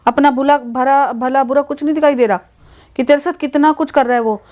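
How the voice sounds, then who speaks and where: A woman's voice: high voice, steady tone, fairly quick, a little mellow. A middle-aged woman playing an upset mother who complains about her daughter in a family vlog skit.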